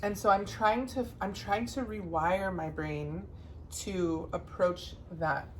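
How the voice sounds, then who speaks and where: A woman hosting a podcast, talking earnestly and casually, swearing freely and growing animated. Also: medium pitch, slow pace, a little hiss or hum, rough recording. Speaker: podcast host.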